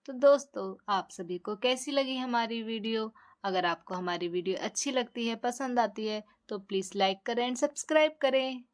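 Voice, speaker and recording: A woman's voice: fairly high pitch, normal speed. A woman narrating a children's doll story in simple storytelling speech and closing the video. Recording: dull lo-fi recording.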